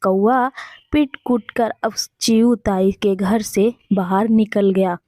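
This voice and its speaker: A woman's voice: medium pitch, fairly even intonation, slow pace, dark tone, no echo, studio quality. A woman narrating a children's moral story in a simple, repetitive storytelling manner.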